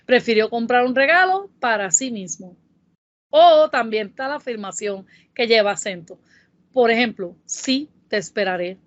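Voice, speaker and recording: A woman with a Puerto Rican Spanish accent, narrating a Spanish grammar lesson in a careful, explanatory way and reading example sentences slowly. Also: a little high, expressive, no room sound. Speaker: Spanish tutor. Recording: dull, dry voice-over.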